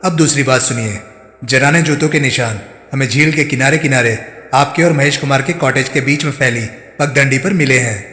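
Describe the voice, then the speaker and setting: A stern, persistent police inspector, read by a man, pressing each question firmly. The tone is bright and forceful, with a long reverberant tail around it. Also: mid-range voice, moderate pace, natural voice. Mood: probing. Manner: firm, pointed questioning.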